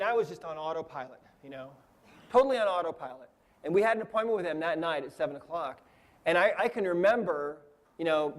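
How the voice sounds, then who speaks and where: An American man in his fifties, an energy healing teacher with a fairly high voice, tells a long story as part of a lecture. He keeps it relaxed and conversational, frequently checking in with a quick "right?" or "okay?".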